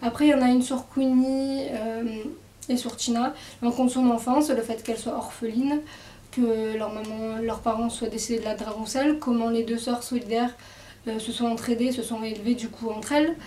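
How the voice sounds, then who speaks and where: A woman's voice: on the high side, steady tone, normal speed, dark tone, recorded from a distance, a little hiss or hum. Hesitant woman in an echoey room. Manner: hesitant, many fillers. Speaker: book reviewer. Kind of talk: casual book presentation. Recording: echoey room, away from mic.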